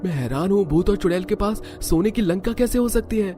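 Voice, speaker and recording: A man's voice: sits high, expressive, a little fast, over music. A man voicing a bold, eager young man exploring with friends in a cartoon. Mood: excited.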